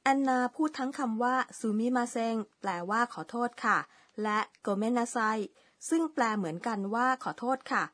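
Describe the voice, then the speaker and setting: A woman's voice: fairly high pitch, expressive, normal speed, fairly bright tone, slightly rough. A woman co-hosting a radio language lesson, asking polite, curious questions. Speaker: co-host learner.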